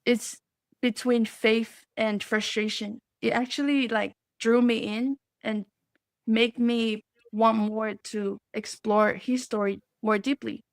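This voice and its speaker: A woman's voice: a little high, fairly even intonation, slow, dry recording, studio quality. A young woman from Samoa, a student guest on a podcast, speaking earnestly and reflectively about faith. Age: young adult. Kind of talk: podcast interview.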